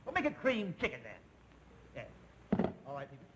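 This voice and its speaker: A man's voice: fairly high pitch, huge pitch swings, fairly quick. A man playing a jovial, easily distracted school principal in a 1950s TV sitcom, talking in a hearty, chummy way. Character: jovial, scatterbrained middle-aged male principal. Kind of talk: 1950s live TV sitcom acting. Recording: faintly hissy old television recording.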